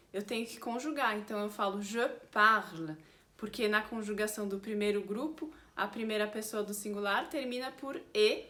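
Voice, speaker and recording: A young woman with a fairly high voice gives a clear, patient French lesson from a home setup. She slows down noticeably whenever she says an example sentence. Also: a bit bright. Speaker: French teacher. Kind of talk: language lesson. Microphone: desk microphone.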